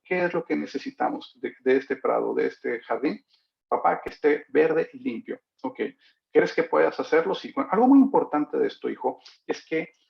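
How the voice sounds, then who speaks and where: Gravelly man teaching sales in lo-fi audio. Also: on the high side. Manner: acts out father and son dialogue in a fable. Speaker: sales trainer. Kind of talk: lecture with a told fable. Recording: dull lo-fi recording.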